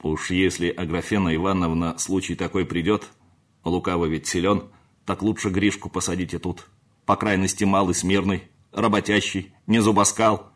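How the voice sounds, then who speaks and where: A man's voice: low voice, little pitch movement, moderate pace. A man voicing a devoted manservant who begs and frets anxiously, in an audiobook reading. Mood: pleading. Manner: pleading, anxious. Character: pleading devoted male manservant. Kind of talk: audiobook character voice.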